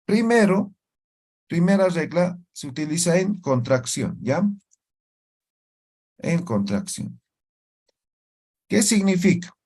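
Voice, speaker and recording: A man's voice: high-pitched, lively intonation, slow pace, long pauses, darkish tone. A man teaching a language lesson, explaining rules step by step and checking in with his listeners through frequent short tag questions.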